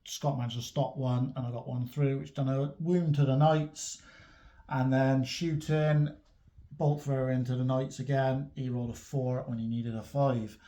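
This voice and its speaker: A man casually recapping his army's turns in a tabletop battle report, chatty and quick to laugh. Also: mid-range voice, fairly even intonation, dark tone.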